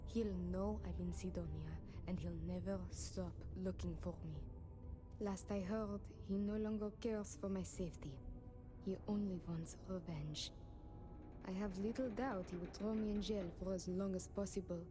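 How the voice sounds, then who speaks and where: A woman's voice: medium pitch, steady tone, moderate pace, close to an everyday voice. Guarded, ailing runaway woman voiced by an actress over music. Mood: bitter, anxious. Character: sickly, guarded young runaway woman in a space colony. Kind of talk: video game dialogue. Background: loud background music.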